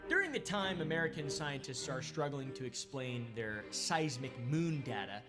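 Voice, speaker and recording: A man's voice: mid-range voice, big pitch swings, moderate pace. A man hosting a comedic conspiracy commentary, rambling with jokey asides and mock-dramatic emphasis. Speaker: host. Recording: clear background music under voice.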